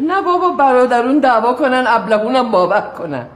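A woman's voice: on the high side, big pitch swings. An actress playing a pushy, overfamiliar woman next door in a sitcom, insistent and chatty. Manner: insistent, overfamiliar, keeps calling her by the wrong name. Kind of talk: sitcom acting. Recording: roomy echo.

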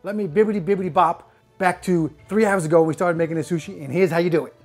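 Man, jokey co-host, casual cooking vlog, fairly high voice, faint music behind. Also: steady tone, quick pace, darkish tone. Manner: jokey, playful.

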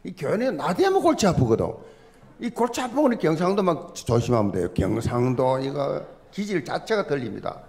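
A man's voice: a little high, very animated, moderate pace, vocal fry. A middle-aged male pastor with a Busan accent, preaching a sermon in an emphatic, folksy, humorous way. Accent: Busan Gyeongsang dialect. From Busan, South Korea. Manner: emphatic, swinging from loud stresses to soft asides.

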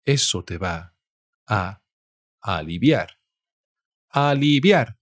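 A man from Spain with a Spanish accent, teaching vocabulary in a slow lesson and saying each word twice. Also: fairly low pitch, dry recording, clean studio sound.

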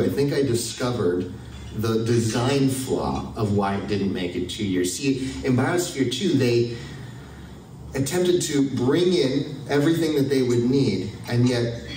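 A man's voice: mid-range voice, darkish tone, reverberant, distant mic, a little hiss or hum, rough recording. A man giving a conversational sermon with wry humor, asking his audience for ideas. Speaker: pastor. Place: church hall with audience.

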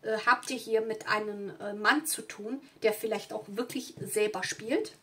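A woman reading tarot at a candle- and flower-decked table indoors rambles casually, sprinkling in lots of fillers and asides; German is not her native language. Her mid-range voice keeps fairly even intonation and a measured pace.

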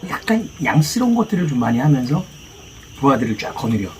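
A man chatting casually as he retells a film story, acting out the dialogue in rough slang. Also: medium pitch, very animated, fast, a little mellow. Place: outdoor fishing spot. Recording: clear outdoor ambient noise.

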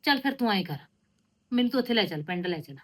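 A young woman playing a married daughter who pleads with and scolds her mother to keep quiet in front of the in-laws. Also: animated, quick pace, lightly acted. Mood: urgent, pleading. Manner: pleading, scolding in low urgent tones. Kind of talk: rural village drama acting.

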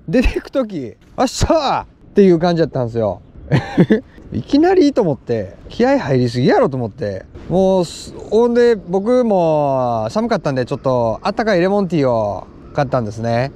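A young man with a Kansai accent chatting excitedly while fishing outdoors on a lake, with quick exclamations. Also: on the high side. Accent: Kansai Japanese. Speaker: fishing vlogger. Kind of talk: casual commentary while fishing.

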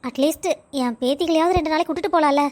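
A woman's voice: high voice, very fast, lightly acted. A woman doing a fussing old village granny. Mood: pleading. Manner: pleading, fussing. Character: doting elderly village grandmother. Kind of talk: animated story voice acting.

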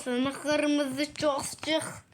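Excitable kid gamer, high voice. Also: extremely slow, low-quality recording. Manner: excitable, repeats exclamations in bursts. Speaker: gameplay video maker. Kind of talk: casual gameplay commentary. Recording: loud background noise.

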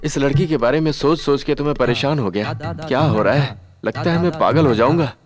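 A man's voice: mid-range voice, fairly quick, lightly acted. An actor voicing a nervous, flustered young man in love, stammering through dubbed film dialogue. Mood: troubled. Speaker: film character. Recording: dubbed film audio with music. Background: film music.

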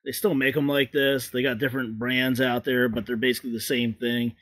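A DIY video host works in his garage and explains a home repair in a relaxed, folksy way, chatting with plenty of fillers. His mid-range voice moves fairly quickly, and the recording has no room sound.

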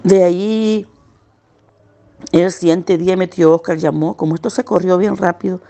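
Creaky-voiced woman giving pained testimony. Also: on the low side, fairly even intonation, mellow. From El Salvador. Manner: earnest, pained recounting, slowing at hard moments. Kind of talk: personal testimony.

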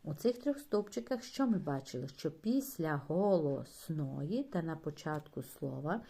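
Slow, patient woman teaching phonics. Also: deep voice, lively intonation, gravelly, warm tone, slightly rough. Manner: slow, patient, drawn-out syllables and sounds; affectionate, addresses pupils as "my dear ones". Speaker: primary school teacher. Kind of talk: phonics lesson for young children.

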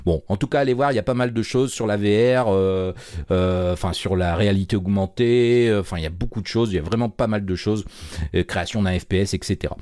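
Low-voiced man explaining code. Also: fast talker, no echo, studio quality. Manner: relaxed, chatty, many fillers and restarts. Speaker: programming course instructor. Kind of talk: screen-recorded coding tutorial.

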